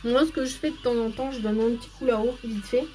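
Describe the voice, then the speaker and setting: A woman's voice: a little high, fast talker, warm tone, soft background music. A woman hosting a casual live makeup stream, chatting to viewers by name and explaining each step as she goes.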